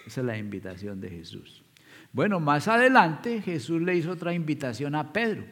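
A man's voice: a little high, big pitch swings, normal speed, a bit bright. Man preaching in a reverberant hall. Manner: storytelling, addresses the congregation directly. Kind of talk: sermon. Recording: long reverb of a large hall.

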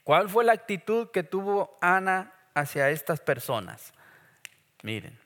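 A high-pitched man preaching slowly and deliberately, with a bright, forceful tone. His words ring out with the long reverb of a church hall, and he keeps the sermon playful with joking asides. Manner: lively, jokey preaching with acted asides.

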